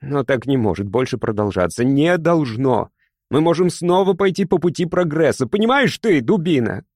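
A man voicing an excitable young man who shouts and rushes his words in a feverish rush. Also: no room sound, clean studio sound. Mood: frantic. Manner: shouting, high-strung, rushing.

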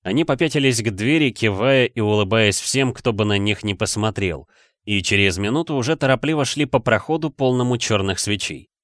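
A man's voice: fairly low pitch, fairly quick, dry recording. Man reading an audiobook, dry close sound. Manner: even storytelling reading. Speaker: audiobook narrator. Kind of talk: scripted narration.

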